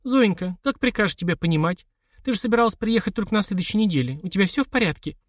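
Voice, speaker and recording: A man's voice: sits high, expressive, fast talker, dry recording, clean studio sound, voice pushed up. A man voicing a caring, sensible noblewoman in an audiobook. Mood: affectionate.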